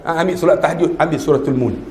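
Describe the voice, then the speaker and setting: A man with a northern Malaysian Malay accent and a high-pitched voice delivers a jokey religious talk. He teases his listeners with questions and slips into imitations of other dialects. The sound rings in a reverberant hall. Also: rapid-fire, darkish tone. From northern Peninsular Malaysia. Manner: jokey, quizzes the audience, mimics regional dialects. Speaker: religious lecturer. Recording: echoey hall.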